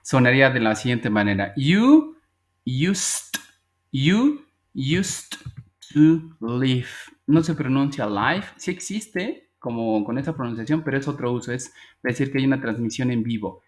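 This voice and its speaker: A man's voice: medium pitch, expressive, a little slow. A man teaching an English grammar class, patiently explaining step by step and repeating each phrase before checking that students follow. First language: Spanish.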